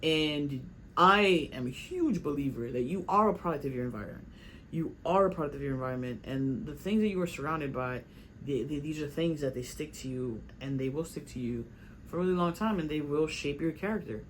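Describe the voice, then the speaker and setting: In a low-quality recording with slight background noise, a young man from Miami, South Florida, a rapper and vlogger, chats casually in his studio. He speaks fairly quickly in a fairly high, a bit bright voice, going on at length, rambling and repeating himself.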